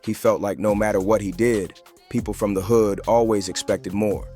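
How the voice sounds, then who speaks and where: A man narrating a scripted commentary in a measured, even storytelling manner. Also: fairly low pitch, soft background music.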